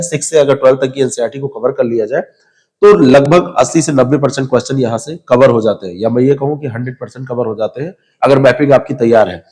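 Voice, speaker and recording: A man's voice: medium pitch, a little mellow, in a large hall. A man giving direct, informal advice on which books to study for a civil service exam. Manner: direct, advising, addresses viewers as you. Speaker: exam prep teacher.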